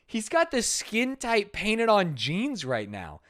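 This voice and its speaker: A man's voice: sits high, wildly swooping pitch, slow pace, a bit bright. An American man bantering casually as a podcast co-host, brash, profane and mock-boastful. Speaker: podcast co-host, content creator.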